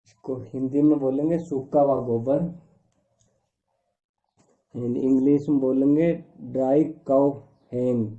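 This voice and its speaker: A man giving a slow, methodical vocabulary lesson, stating each word and then its meanings in a steady, repetitive pattern. His voice sits at an ordinary middle pitch. The sound is thin and narrow, like a phone line. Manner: slow, repetitive listing of words with translations. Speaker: language teacher. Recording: tinny phone-like recording.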